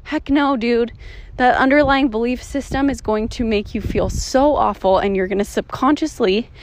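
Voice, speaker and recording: A vlogger in her thirties talks casually and motivationally while out on an outdoor walk, a little out of breath and full of "like" and "right?". Her voice is a little high at a normal speed, with slight background noise.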